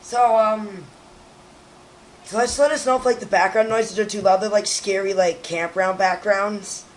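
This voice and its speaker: A teenage boy with a raspy voice, hoarse from a cold, co-hosting a live stream in casual chat and rambling with lots of fillers. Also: high-pitched, fairly even intonation, measured pace, a little hiss or hum, low-quality recording. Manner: rambling, full of fillers and restarts.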